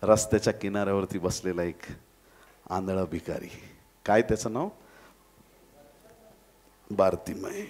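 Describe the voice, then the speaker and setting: Slow, dramatic man preaching a sermon. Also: deep voice, darkish tone. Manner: dramatic preaching, acting out crowd voices and addressing the church. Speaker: pastor. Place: church.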